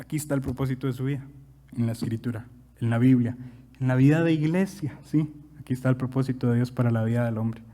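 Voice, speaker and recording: A young man with a Costa Rican accent preaching a sermon as pastor, animated, with big swings in loudness and rhetorical questions. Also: medium pitch, quick pace, in a large hall. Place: church.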